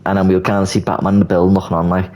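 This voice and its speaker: A man's voice: low voice, little pitch movement, racing. A young man casually retelling a movie plot idea, rambling and leaning on filler words. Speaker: video creator. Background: soft background music.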